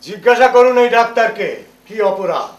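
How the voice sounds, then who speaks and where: Man acting as a furious strict dad, very high voice jumping all over, echoey room. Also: sing-song, normal speed. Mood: refusing. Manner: shouting, outraged. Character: angry strict father, a schoolmaster. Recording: echoey room, faint music.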